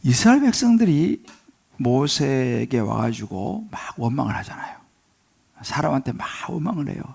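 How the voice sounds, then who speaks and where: A man's voice: mid-range voice, sing-song, moderate pace, creaky, darkish tone, slightly rough. A male pastor preaching a sermon, dramatically acting out pleading prayers and dropping to whispers for emphasis. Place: church sanctuary.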